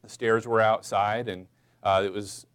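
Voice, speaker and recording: A man preaching a casual, chatty sermon in church, asking the congregation questions and filling pauses with "um" and "uh". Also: on the low side, steady tone, fairly bright tone, clear, resonant tone. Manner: folksy, chatty, many fillers, addresses listeners as y'all. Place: church sanctuary.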